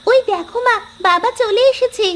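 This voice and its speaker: A woman voicing an eager, excited little village girl in a cartoon, calling out to her parents. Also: extremely high pitch, moderate pace, a little hiss or hum, pitched above the performer's own voice. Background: faint music.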